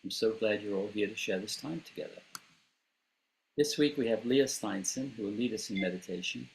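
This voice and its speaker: Low-voiced man hosting a meditation meeting. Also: normal speed, gravelly, a little hiss or hum, poor audio. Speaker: host. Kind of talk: welcoming introduction.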